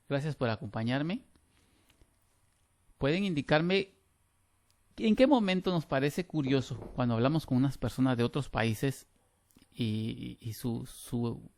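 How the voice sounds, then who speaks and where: A middle-aged man lectures on grammar over a video call. He talks with animated emphasis and keeps restarting his phrases. The sound is dry and close. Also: mid-range voice, no room sound. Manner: lively, emphatic, with frequent restarts. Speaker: teacher. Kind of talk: online class lecture.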